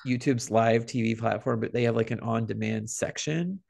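A man co-hosting a podcast, telling gossipy stories in an animated, casual way. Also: mid-range voice, normal speed, vocal fry. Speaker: podcast co-host.

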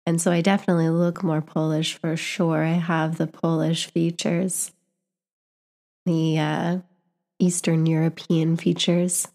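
Speaking a little slowly with a flat delivery, a young Canadian vlogger and teacher talks to camera in a low, warm voice. The monologue is reflective and earnest, with repeated words and restarts as she works out what to say.

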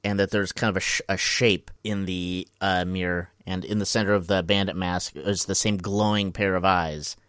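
A man co-hosting a podcast who tells the plot of an episode in lively, casual storytelling. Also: sits low, moderate pace, hardly any pauses, clear, resonant tone, no room sound, clean studio sound. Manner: animated storytelling with laughs. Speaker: podcast co-host. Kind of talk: casual recap chat.

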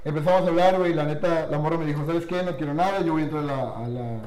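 Laughing young Mexican man, high voice. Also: racing, echoey room, heavy background noise. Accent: Mexican Spanish. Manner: slangy, laughs often, tells stories. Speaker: podcast co-host. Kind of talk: casual chat among friends.

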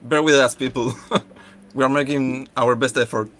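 A man's voice: medium pitch, fairly even intonation, normal speed, a bit bright. A man co-hosting and interpreting on a live podcast in a casual, apologetic, jokey way. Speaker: co-host and interpreter. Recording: faint ambient background noise.

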